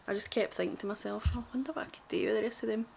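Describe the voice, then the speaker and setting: A young woman with a broad Scottish accent, strongly Glaswegian, chats informally as a beauty vlogger. Her mid-pitched voice has plenty of creak. She rambles in a self-deprecating, storytelling way, with faint noise behind her on a homemade recording. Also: rapid-fire, darkish tone. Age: young adult. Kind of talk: casual chatty makeup tutorial to camera.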